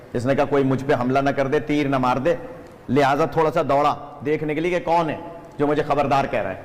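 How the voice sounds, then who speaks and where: A man preaching at a religious gathering, telling a story with animation and often blessing his listeners. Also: fairly high pitch. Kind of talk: storytelling sermon. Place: gathering hall. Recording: echoey hall reverb.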